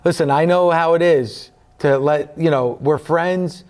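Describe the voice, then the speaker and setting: A man's voice: a little high, measured pace, darkish tone. A man in his fifties, a guest in a casual chat, earnest and often restarting his sentences. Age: 50s.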